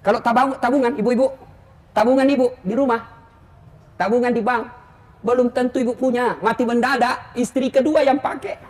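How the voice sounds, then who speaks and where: Male preacher, Ternate Malay accent, quick and high, jokes with the crowd through his sermon. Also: steady tone, a little hiss or hum. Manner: joking, addresses the audience directly. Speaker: Islamic preacher. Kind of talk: humorous sermon.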